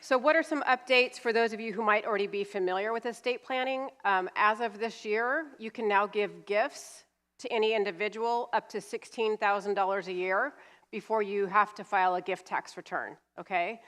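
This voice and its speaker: With a handheld mic in a church hall, a California attorney in her fifties who specializes in estate planning gives a guest seminar talk at normal speed. Her mid-range voice is a bit bright and sniffly from a cold, and her plain explanations carry some fillers.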